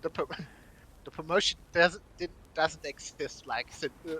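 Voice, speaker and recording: Bright, giggly man rambling. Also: a little high, unhurried, slight background noise, poor audio. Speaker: player. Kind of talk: casual tabletop game chat.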